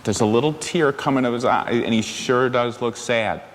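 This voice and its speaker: A middle-aged man with a medium-pitched voice reads to children at a moderate pace, playfully tossing in chatty asides during an animated story time. He sits among the kids in a large church hall, recorded on a shirt-clipped lavalier. The hall is reverberant, with faint noise in the background.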